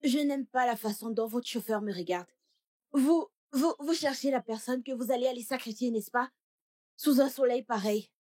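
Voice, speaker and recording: An actress dubbing a brash, talkative young village woman who thinks aloud and fires back quick retorts. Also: fairly high pitch, a little mellow, close to an everyday voice. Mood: suspicious. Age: young adult. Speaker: dub actress. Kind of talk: dubbed film acting.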